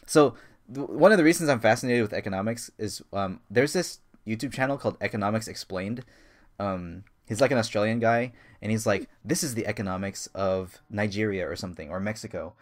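A man's voice: lowish voice, fairly quick. A man in his thirties co-hosting a casual podcast, rambling and enthusiastic, with many fillers and restarts. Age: 30s. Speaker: podcast co-host.

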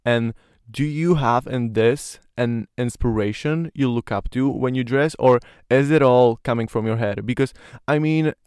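This podcast host is a young native Slovak speaker from Slovakia, running a casual interview with earnest admiration and plenty of "like" fillers. He speaks at medium pitch, unhurried, smooth and a touch mellow. The audio is studio quality with no room sound at all.

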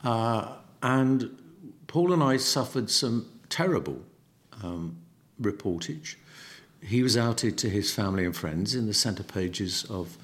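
Interview guest, middle-aged Cockney man: reflective and halting, restarts his phrases. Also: fairly low pitch, lively intonation. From East End of London. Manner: halting, repeats words while searching.

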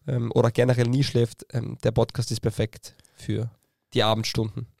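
A man with an Austrian accent co-hosting a podcast in a relaxed, casual chat, often pausing with filler sounds. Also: medium pitch, creaky, no echo, clean studio sound. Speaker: podcast co-host.

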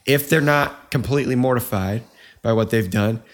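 A man's voice: medium pitch, moderate pace. A man co-hosting a podcast, talking casually and rambling with lots of "you know" and "like" fillers. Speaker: podcast co-host.

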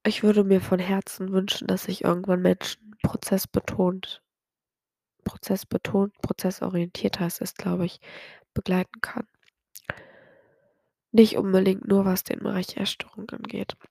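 A young woman hosting a podcast, talking softly and partly whispering late at night, teary and hesitant with a dry throat. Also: mid-range voice, little pitch movement, unhurried, vocal fry, dry recording. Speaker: podcast host. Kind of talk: personal late-night confessional monologue.

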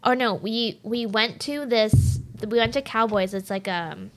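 A woman's voice: fairly high pitch, measured pace, faint music behind. A woman in her late twenties co-hosting a podcast, rambling casually with constant fillers and the odd swear word. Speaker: podcast co-host. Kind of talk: casual chat.

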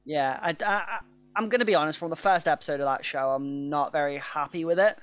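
A man with a voice pitched a little high for a man talks casually on a podcast. He rambles from point to point, laughs easily and swears in passing. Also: fast, fairly bright tone. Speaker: podcast co-host. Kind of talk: casual chat.

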